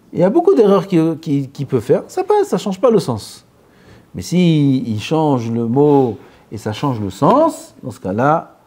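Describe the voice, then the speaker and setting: A man giving a lively religious lesson, asking the class questions and drilling how words are pronounced. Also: medium pitch. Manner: animated, asks questions and drills pronunciation. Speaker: rabbi teaching.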